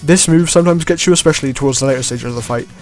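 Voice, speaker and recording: A man giving relaxed gameplay commentary as a let's play host, often chuckling and trailing off with shrugging asides. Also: medium pitch, rapid-fire. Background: faint game music.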